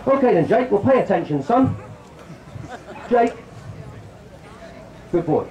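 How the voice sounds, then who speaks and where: A man's voice: sits high, very animated, slow pace, warm tone, roomy sound, a little hiss or hum, poor audio. A man giving a jokey, chatty shooting demonstration to a crowd at an outdoor country show. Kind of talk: outdoor live demonstration talk.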